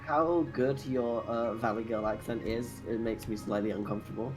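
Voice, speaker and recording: Very low-voiced woman, dry co-commentator. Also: fairly even intonation, normal speed, poor audio. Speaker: co-commentator on a game stream. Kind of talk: casual chat. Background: game music.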